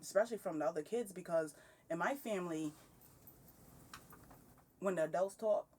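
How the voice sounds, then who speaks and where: A woman's voice: on the low side, normal speed, a little mellow, distant mic, slight background noise. A woman in her thirties talking candidly and with energy in a casual podcast conversation, often breaking into laughter. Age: 30s. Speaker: podcast guest.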